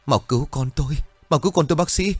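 A desperate young father in a spoken horror story, as a male narrator puts him on. He calls out in a lively, rising voice, recorded close and dry with faint music underneath. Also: on the low side, racing, no room sound, lightly acted. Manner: shouting, desperate.

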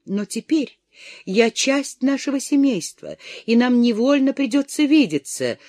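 A passionate, jealous young woman pleads with her lover in an audiobook, voiced by its reader. Her lines rise and fall in a lively way, emotional and close to tears. The recording is dry, with no room echo. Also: on the high side, unhurried, pitched above the performer's own voice. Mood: pleading. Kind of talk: audiobook character voice.

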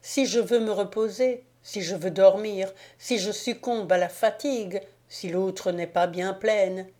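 A woman reading aloud as a miserable old devil in disguise, groaning and begging, slow and mellow, dark warm tone from the storybook. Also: medium pitch, lightly acted. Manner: pleading, groaning, self-pitying. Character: whining wretched male devil disguised as old slave. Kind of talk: audiobook reading.

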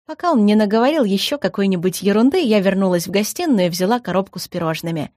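A woman narrating a fantasy story in the first person as an audiobook reader, in a lively, expressive way. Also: mid-range voice, fast, no room sound, clean studio sound.

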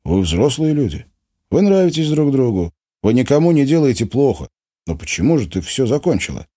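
A man's voice: mid-range voice, big pitch swings, brisk, warm tone, pitched above the performer's own voice. A man voicing an earnest young man who argues urgently and persuasively. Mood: pleading.

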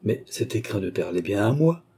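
A man reading an audiobook, voicing a gentle, devoted young noble lady in a softly lifted voice. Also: fairly low pitch, very animated, a little fast, slightly rough, exaggerated voice. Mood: tender.

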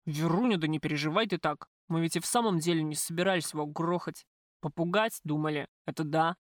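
A woman reading an audiobook, voicing a coarse, possessive male gang boss who talks in rough slang. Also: low voice, fairly quick, no room sound, studio quality, voice pushed down, natural voice. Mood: justifying.

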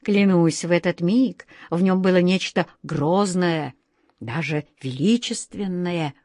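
A woman narrates a children's book in a measured, expressive way. She takes her time and gives every phrase room. The recording is dry and close, with no room sound. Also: on the low side, no echo. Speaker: audiobook narrator.

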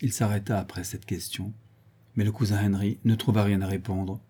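A man narrating a classic novel for an audiobook in a measured, even reading. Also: lowish voice, husky. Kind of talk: scripted literary narration.

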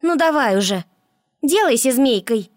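A woman's voice: sits high, animated, measured pace, dry recording, clean studio sound, pitched above the performer's own voice. A woman reading an audiobook voices a bossy, scolding female water spirit in a raised voice. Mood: impatient.

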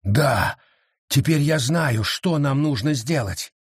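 A man's voice: mid-range voice, lively intonation, slow pace, breathy edge, no room sound, studio quality, full character voice. A man voicing a wild, commanding male forest beast spirit, urgent and insistent. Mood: ecstatic. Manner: urgent, insistent, bellowing orders.

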